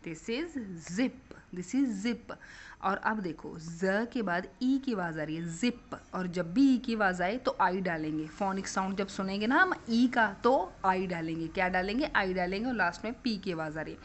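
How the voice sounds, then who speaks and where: A woman's voice: mid-range voice, animated, normal speed, hardly any pauses. A young woman teaching phonics to children, asking questions and repeating the answers back. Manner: repetitive call-and-response questioning.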